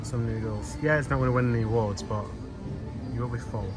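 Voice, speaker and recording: A man's voice: mid-range voice, steady tone, a little fast. A man vlogging outdoors at a theme park, thinking aloud in a casual, understated, observational way. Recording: loud music behind the voice. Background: loud music.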